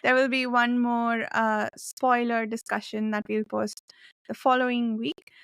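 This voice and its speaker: Higher-pitched woman hosting casually. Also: level tone, measured pace, vocal fry, clean tone, no room sound, poor audio. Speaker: podcast host. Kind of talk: casual book discussion hosting.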